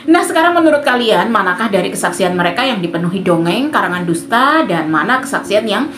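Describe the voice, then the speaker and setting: A woman's voice: medium pitch, a little fast. A woman hosting her channel, giving emphatic religious commentary straight to her viewers. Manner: addresses viewers directly, lively and emphatic. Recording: roomy sound with faint background music.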